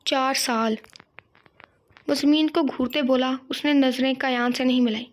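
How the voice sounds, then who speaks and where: A woman reading a romance novel aloud in an emotive, measured storytelling manner. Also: high-pitched, steady tone, darkish tone. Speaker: novel reader. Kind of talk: dramatic novel narration.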